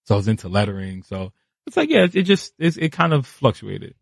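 A man in his thirties from New City, a guest artist telling his story, animated and acting out quoted voices. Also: on the low side, fairly quick, creaky, no echo. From New York City. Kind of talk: casual interview storytelling. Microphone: podcast studio mic.

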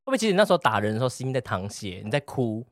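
A curious co-host firing quick questions in a casual chat, in a middle-pitched voice that moves around a lot. The sound is dry and close. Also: very animated, no room sound. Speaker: podcast co-host.

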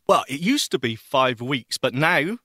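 A man co-hosting a radio show, telling stories in wry, lively casual chat. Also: mid-range voice, measured pace, dry recording, studio quality.

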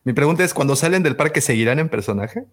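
A man's voice: a little high, animated, fast. A man with a Mexican accent co-hosting a podcast, playful and teasing in casual slang. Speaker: podcast co-host. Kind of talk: casual chat.

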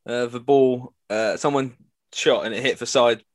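A man's voice: mid-range voice, steady tone, moderate pace. A man co-hosting a casual podcast, telling easygoing anecdotes and laughing a lot. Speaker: podcast co-host.

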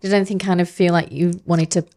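A woman's voice: lowish voice, little pitch movement, fast talker, darkish tone. A woman hosting a podcast interview, listening closely and asking short follow-up questions. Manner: attentive, prompts with short questions. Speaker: podcast host. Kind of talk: interview with encouraging backchannels.

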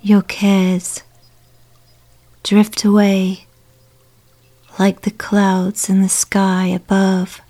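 A woman guiding a relaxation exercise in a soft, hushed voice that often drops to a whisper. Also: medium pitch, monotone, very slow, long pauses. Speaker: meditation guide. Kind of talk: guided relaxation narration.

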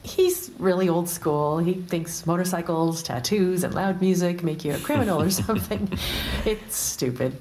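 A woman's voice: lowish voice, moderate pace, hardly any pauses, mellow, a little hiss or hum, lightly acted. A woman playing a chatty American barista. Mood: curious.

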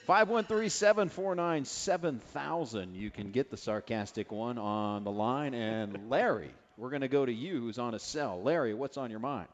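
A man's voice: mid-range voice, lively intonation, moderate pace, few pauses, in a large hall, lo-fi sound. Stat-minded male radio co-host. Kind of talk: sports call-in radio talk.

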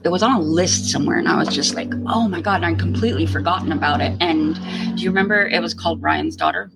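A woman's voice: deep voice, fast, vocal fry, music in the background, low-quality recording. A woman chatting casually, telling a reflective story. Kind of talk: casual chat.

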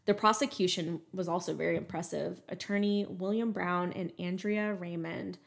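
A woman's voice: lowish voice, fairly even intonation, normal speed, vocal fry. A young woman chatting casually as a podcast co-host, filling her talk with "like" and "um". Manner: chatty, lots of "like" and "um" fillers. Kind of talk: casual true crime chat.

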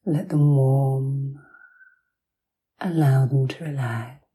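Her voice rumbles low with fairly even intonation as this woman host narrates a guided hypnosis in sleep-story fashion. She speaks softly, soothingly, and breathily, near a whisper, pausing long between brief phrases.

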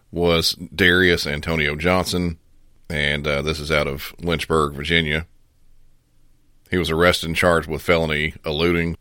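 A man's voice: extremely low pitch, pushed and bright, smooth, no room sound, clean studio sound. A man hosting with casual, conversational commentary. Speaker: host reviewing police pursuits.

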